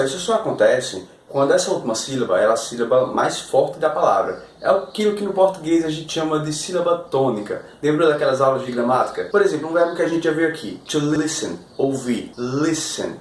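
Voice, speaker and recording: A man's voice: on the high side, lively intonation, fairly quick, few pauses. A man teaching an online language lesson, upbeat, explaining step by step and often asking the viewer questions. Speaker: English teacher. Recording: roomy echo, faint ambient noise.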